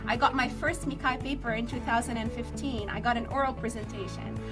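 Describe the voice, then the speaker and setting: A woman's voice: fairly high pitch, steady tone, fairly quick. Reflective woman in a podcast clip with music. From Tunisia. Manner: reflective, recalling her past. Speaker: podcast guest. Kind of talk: interview storytelling.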